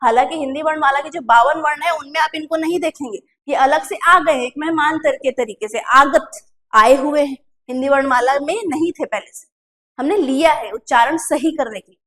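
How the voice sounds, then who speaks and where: A woman's voice: sits high, a bit bright. A woman teaching a classroom lesson for an exam, explaining step by step and asking and answering her own questions, with a Chhattisgarh Hindi accent. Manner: slows to drawn-out pronunciation drills.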